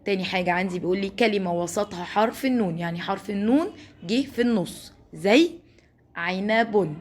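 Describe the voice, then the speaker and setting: A woman teacher with an Egyptian accent gives a recorded lesson to first graders. She draws out sounds and words slowly and praises the class as she goes. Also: medium pitch. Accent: Egyptian Arabic. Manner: slow, drawn-out spelling of sounds and words. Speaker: primary school teacher.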